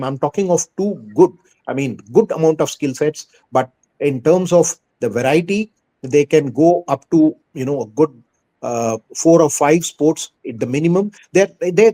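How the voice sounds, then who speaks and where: A man with an Indian accent speaks in a mellow, somewhat high voice. He answers as a school head in an interview, earnest and conversational, restating phrases to press his point. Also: poor audio.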